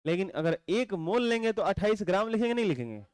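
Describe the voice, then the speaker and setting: A male teacher, giving a chemistry lecture, explaining slowly and repeating points while quizzing his students. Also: sits high, very animated, smooth, no room sound. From India.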